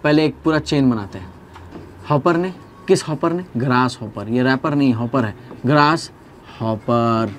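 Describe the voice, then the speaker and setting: A man's voice: mid-range voice, a little slow, a little hiss or hum. A young man with an Indian accent teaching biology in a classroom lecture, asking questions and answering them for his students. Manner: lively, swings from loud to soft.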